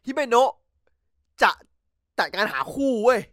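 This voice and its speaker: A man hosting a casual podcast from home over a voice chat call, recapping episodes in an excitable, slangy way and swearing freely. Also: a little slow, no room sound, clean studio sound. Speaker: podcast host. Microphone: computer mic over voice chat.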